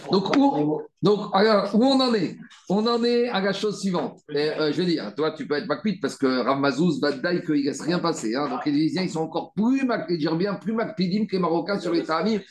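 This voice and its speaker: A man teaching a Talmud study class, animated and repetitive, rallying his students with frequent asides. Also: a little high, fairly quick. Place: study room with students, also streamed on video call. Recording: echoey room.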